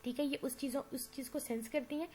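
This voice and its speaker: A woman lectures on anatomy quickly in a high-pitched, steady, dark-toned voice, her throat sore. She explains patiently, mixes in English medical vocabulary and regularly checks in with "theek hai." This classroom recording is rough and carries faint background noise.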